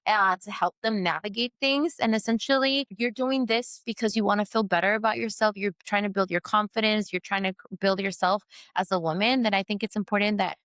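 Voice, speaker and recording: A woman who runs a post-op massage business, talking candidly in an interview, with fillers, restarts and quick shifts into voices when she quotes people. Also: fairly even intonation, no room sound. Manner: acts out quoted voices with sharp pitch jumps. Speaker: post-op massage therapist, guest. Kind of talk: casual interview conversation.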